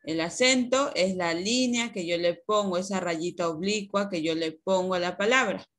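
A woman's voice: fairly low pitch, moderate pace, a bit bright. A woman primary school teacher giving an online lesson over a video call, explaining patiently and asking rhetorical questions.

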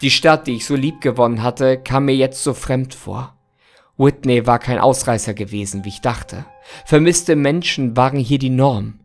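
A man reading a horror story aloud in a hushed, measured way, as its narrator. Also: medium pitch. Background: faint background music.

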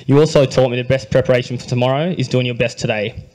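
A young Australian man reading his wedding speech into a handheld microphone at a reception, with dry humor and a quietly emotional delivery. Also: medium pitch, steady tone, fast, low-quality recording. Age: young adult. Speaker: groom giving a wedding speech. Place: wedding reception hall, indoors.

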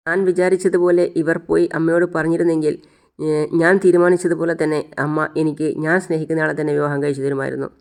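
The narrator reads as a young woman who will not be silenced, bitter and sarcastic toward those around her. Her words come in a steady, accusing flow, cutting and resentful, spoken in a soap-opera retelling. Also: medium pitch, fast, gravelly, clean tone, close to an everyday voice.

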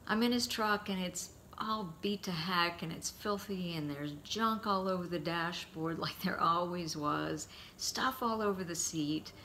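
A middle-aged man giving a heartfelt eulogy, telling stories about his father in a halting, storytelling way. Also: high-pitched, slight background noise. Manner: warm, halting anecdotes with frequent pauses.

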